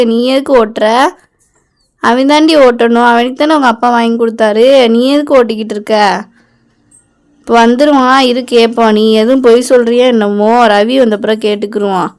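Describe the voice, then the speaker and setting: A nagging, scolding mother, played by a woman in a doll storybook, with a smooth, clear voice pitched a little high. She repeats her orders again and again. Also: lightly acted. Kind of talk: storybook doll-play acting.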